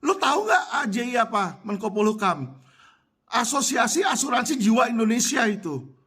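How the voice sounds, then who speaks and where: Man, fiery accusatory monologue; high, bright, sharp voice. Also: big pitch swings, normal speed, breathy edge. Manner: heated, accusatory, mixes English phrases. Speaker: lawyer addressing a minister. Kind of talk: impassioned monologue.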